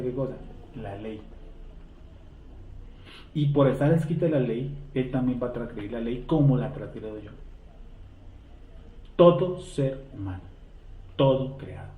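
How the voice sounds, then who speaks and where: A man's voice: mid-range voice, mellow, slight background noise. A man teaching a Bible lesson to a class, often asking a question and answering it himself. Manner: asks the class rhetorical questions and answers them. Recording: tinny, echoey room, distant mic.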